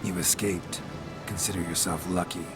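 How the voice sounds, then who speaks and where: An actor playing a gruff, stoic male monster hunter who speaks in a clipped, laconic way. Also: deep voice, fairly even intonation, normal speed, natural voice. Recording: game audio under very loud music.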